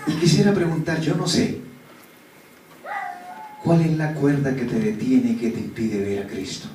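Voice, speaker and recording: A male preacher telling a dramatic story in a sermon, moving from hushed tones to loud ones. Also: medium pitch, fairly even intonation, moderate pace. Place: church. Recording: echoey church from a distant mic, faint background noise.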